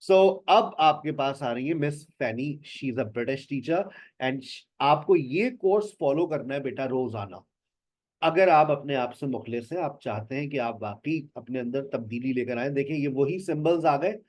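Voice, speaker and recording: A man's voice: medium pitch, a little slow, darkish tone. A male spoken English teacher talking casually to his students, switching between Hindi and English and addressing them directly. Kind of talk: casual lesson talk. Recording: dull lo-fi recording.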